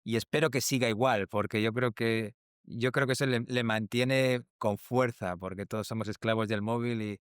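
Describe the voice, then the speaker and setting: A man speaking in a measured, earnest way in a documentary interview. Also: mid-range voice, fairly even intonation, clean tone, dry recording, clean studio sound. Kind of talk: interview talk.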